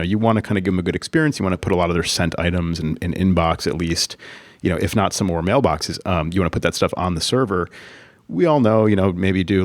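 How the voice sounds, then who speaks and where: A man's voice: low voice, no room sound. A man co-hosting a podcast, telling a long work story in casual chat, full of fillers and restarts. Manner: rambling, many fillers and restarts. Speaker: podcast co-host, Apple consultant.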